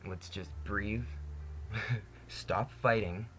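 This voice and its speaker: Young male vlogger, deep voice with heavy fry, earnest and candid, faint hiss behind. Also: very slow, a bit bright. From Canada. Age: 20s. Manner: earnest, candid, says "you know" constantly, laughs often. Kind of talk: personal monologue to camera.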